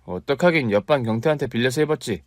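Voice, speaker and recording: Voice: mid-range voice, expressive, fast, no room sound, clean studio sound, lightly acted. A woman voicing a nagging young boy. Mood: matter-of-fact. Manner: nagging, matter-of-fact. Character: young boy, tidy and naggy.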